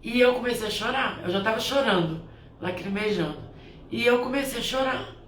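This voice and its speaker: A woman's voice: fairly high pitch, moderate pace, fairly bright tone. A woman who does spiritual blessings talks through a personal reflection, her thoughts winding and often restarting. She sits back from the microphone, so the room echoes around her voice. A faint hum of ambient noise sits underneath. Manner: heartfelt and rambling, with many restarts. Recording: roomy, distant from the mic, faint ambient noise.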